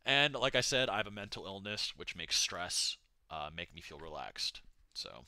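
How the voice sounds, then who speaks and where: Bright-voiced man, rambling livestream chat. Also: low voice, very animated, moderate pace, no echo. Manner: rambling, profane, slangy; laid-back, reserved. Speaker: livestreamer reading donation messages.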